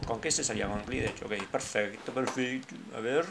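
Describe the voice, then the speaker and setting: Rioplatense let's-play gamer on a headset, middle pitch, chatty, muttering, jumpy, with faint hiss. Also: a little fast. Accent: Rioplatense Spanish. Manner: chatty, drops to low mutters, startled outbursts.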